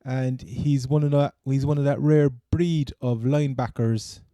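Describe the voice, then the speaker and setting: Cork man, very mellow, rambling talker. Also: mid-range voice, steady tone, a little slow, no room sound, studio quality. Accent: Cork, Irish. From Cork, Ireland. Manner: rambling, stammering, repeats phrases. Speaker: sports podcast co-host. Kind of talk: casual American football chat.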